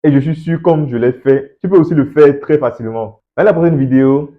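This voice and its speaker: A man's voice: a little high, fairly quick. A man hosting an English-learning channel, giving a motivational talk straight to the viewer, encouraging and full of rhetorical questions, repeating words to stress a point. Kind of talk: motivational talk to camera, addressing the viewer directly. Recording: slightly dull, lo-fi sound.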